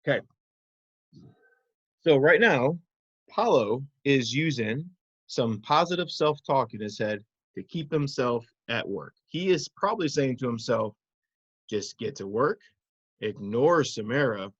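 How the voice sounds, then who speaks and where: A man's voice: mid-range voice, lively intonation, a little slow, husky, no room sound, muffled recording. A man teaching young children in simple, instructive phrases, often checking in with short questions. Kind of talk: simple interactive children's lesson.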